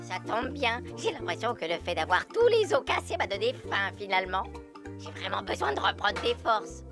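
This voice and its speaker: An actor voicing a boastful, excitable male cartoon woodpecker in a French dub, theatrical and dismissive. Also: mid-range voice, moderate pace. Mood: weary. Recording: loud cartoon music behind.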